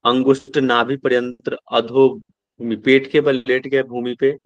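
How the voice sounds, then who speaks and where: Male yoga teacher, mid-pitched. Slow chanting, quick plain explanations, dry close sound. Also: flat delivery, dry recording, muffled recording. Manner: chants verses slowly, then explains quickly with "ठीक है?" checks. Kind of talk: classroom lecture explaining Sanskrit verses.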